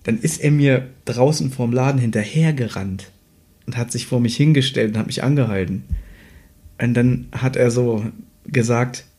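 A man's voice: medium pitch, moderate pace, dark tone. A man co-hosting a casual chat, telling a story and defending himself in an argumentative way. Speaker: podcast co-host.

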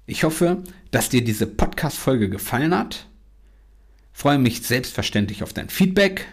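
A man talks to his podcast listeners in an earnest, coaching way, repeating affirmations. His voice is husky and a little breathy. He speaks slowly and deliberately. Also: mid-range voice, sing-song. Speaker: podcast host. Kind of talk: motivational podcast monologue.

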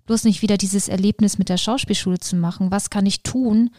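A woman's voice: mid-range voice, a little fast, no room sound. Woman telling her story, dry sound. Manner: lively, with many fillers and restarts. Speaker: podcast guest. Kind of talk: personal storytelling in conversation.

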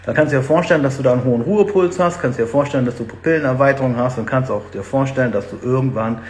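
Male fitness host, live-stream chat, animated and direct, mid-range voice. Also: medium pitch, rapid-fire. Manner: lively, explanatory, addresses viewers directly. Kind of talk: live-stream talk to viewers.

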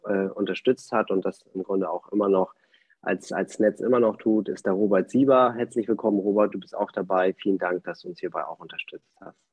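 A man's voice: fairly low pitch, a little mellow, breathy edge, no echo. A man from Spain introducing himself and colleagues at an online book launch in a friendly, upbeat way. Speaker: panelist. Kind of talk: online launch event presentation. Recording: dull dry online call audio.

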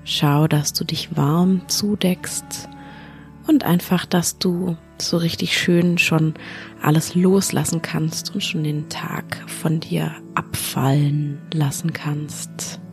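A woman guides a sleep meditation in a soft, unhurried voice that often drops to a half-whisper. Her voice sits a little low and has a gravelly fry. Faint music plays behind her. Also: steady tone. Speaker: podcast host, yoga teacher and mindfulness coach.

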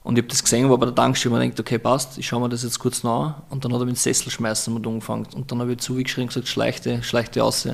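A man's voice: medium pitch, flat delivery, rapid-fire, vocal fry, few pauses. A young man with an Austrian accent, a podcast guest telling rambling, colloquial anecdotes in casual conversation. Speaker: podcast guest, Muay Thai fighter.

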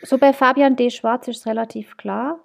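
With a steady tone, moderate pace, and some vocal fry, a podcast host in her 30s keeps the conversation casual and chatty. Her voice runs on the high side, and she frequently laughs at her own expense.

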